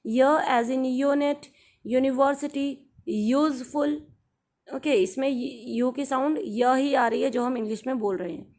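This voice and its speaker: Slow, careful Indian woman teaching phonics. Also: high voice, fairly even intonation, a little mellow. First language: Hindi. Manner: slow, carefully drawn-out example words; mixes English phrases into Hindi explanation. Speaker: English teacher. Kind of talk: phonics lesson for beginners.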